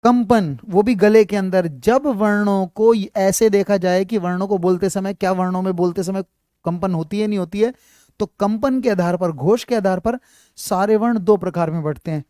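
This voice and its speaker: With a high, mellow, clean-toned voice at a moderate pace, a man teaches Hindi letters and sounds at a board in a live online class. He repeats things often, checks again and again that students understand, and fondly calls them child; the studio-quality recording has no room sound.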